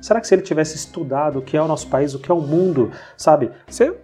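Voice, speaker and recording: A man hosting a casual podcast conversation, telling anecdotes in a lively way. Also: on the high side, quick pace, soft background music. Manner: storytelling, animated retelling of anecdotes. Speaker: podcast host. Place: lives in São Paulo.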